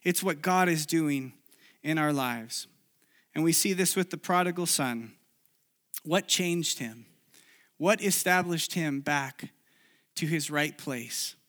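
A man's voice: on the high side, slow, long pauses, fairly bright tone. Earnest man preaching a personal testimony. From Chile. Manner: earnest, confessional, with many restarts.

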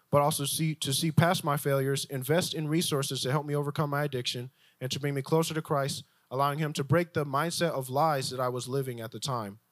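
Young guy sharing his testimony at church, kinda high voice, lots of um and you know, dry sound. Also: no room sound. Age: young adult. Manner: halting, many fillers and restarts. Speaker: speaker at young adults testimony night. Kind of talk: personal testimony at church event.

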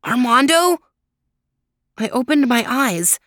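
Middle-aged woman storyteller, slow and gentle; dry, close sound with no room. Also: fairly low pitch, no echo. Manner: calm, gentle, drawn-out reading. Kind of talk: reading a children's story aloud.

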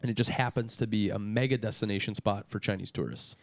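A man's voice: fairly low pitch, steady tone, fast, no echo. A man chatting casually on a podcast as a guest, peppering his talk with "dude". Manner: casual, says dude a lot.

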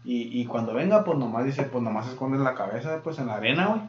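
A podcast co-host with a Mexican Spanish accent tells crude, slang-filled jokes in a casual chat, his mid-range voice moving fast with lively intonation. He breaks into bursts of loud laughter as he goes. The recording sounds roomy, dull and lo-fi.

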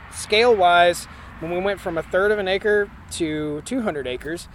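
A homesteading farmer in his forties speaks emphatically in a casual interview at an outdoor conference, plainspoken and often restarting his sentences. His voice is on the high side and a bit bright, with slight background noise.

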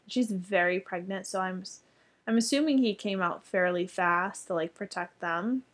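A woman's voice: medium pitch, moderate pace. A young woman telling a story in casual chat, chatty and full of fillers, with casual swearing.

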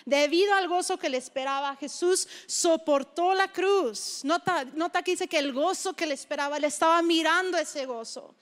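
A middle-aged woman from Mexico giving a sermon, telling a family story in a lively way and acting out the voices of her family. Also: very high voice, moderate pace, few pauses. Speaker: preacher.

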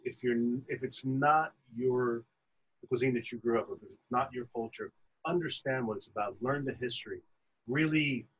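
Man, husky voice, mid pitch, restaurant owner, explanatory interview answers, enthusiastic about food. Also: a bit bright, rough recording.

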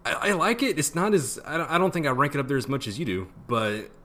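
A relaxed man in casual conversation, pausing often and filling gaps with ums. His voice is bright and forward. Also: fairly high pitch. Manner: laid-back, hesitant, many ums. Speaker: podcast co-host. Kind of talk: casual chat.

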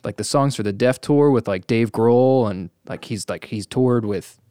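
Brief: mid-pitched male host, relaxed and chatty, dry close recording. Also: moderate pace, no room sound. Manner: casual, heavy use of like. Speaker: podcast host and audio tech. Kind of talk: casual podcast conversation.

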